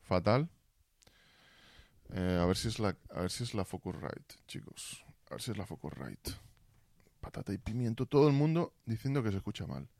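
Casting: deep-voiced male streamer, casual and fumbling with his mic, close dry sound. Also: sing-song, normal speed, vocal fry, a little mellow, no echo. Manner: fumbling with audio gear, asking chat for feedback. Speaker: Twitch streamer. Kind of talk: casual live-stream chat. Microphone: desk mic, then built-in computer mic.

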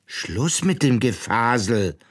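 A man's voice: on the low side, very animated, takes it slowly, vocal fry, heavily acted. A man voicing a young girl who answers back bluntly and defiantly, in a storybook reading. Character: young girl, bold and fed up.

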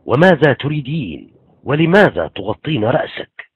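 A man's voice: medium pitch, big pitch swings, normal speed, breathy edge, dry recording, pitched above the performer's own voice. A man reading a novel aloud, voicing an earnest young man who loyally defends his friend. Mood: alarmed. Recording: tinny phone-like sound, faint music.

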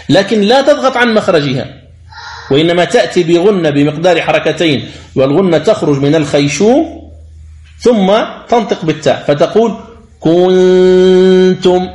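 Male tajwid teacher, fairly high voice, deliberate and patient, echoey room. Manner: slow, deliberate explanation with drawn-out recited examples. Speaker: Quran recitation teacher. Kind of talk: tajwid lesson commentary.

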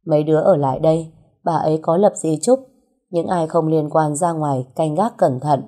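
A solemn older man, a gang elder who speaks with grave authority, voiced by a woman narrating a story. The voice is low and husky, with a dark, mellow tone. He speaks in measured, weighty lines. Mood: commanding.

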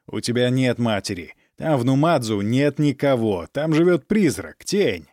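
A man's voice: medium pitch, sing-song, a little slow, dry recording, studio quality. A man playing a cruel aristocratic count who harshly berates his daughter in an audiobook reading. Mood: commanding. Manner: harsh, shouting, menacing.

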